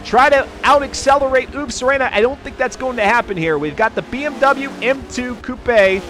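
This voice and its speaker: With a very high, fairly bright voice at a normal speed, a man commentates live as the host of a racing stream. His chatty, folksy announcing includes jokey asides, set against car engines and race ambience.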